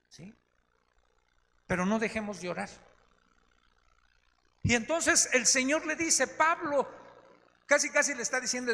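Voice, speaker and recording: His voice sits high with a sharp tone as this pastor teaches a conversational Bible study, regularly checking in through "¿no?" and "¿sí?" tags. It's recorded in an echoey church meeting hall with faint background noise.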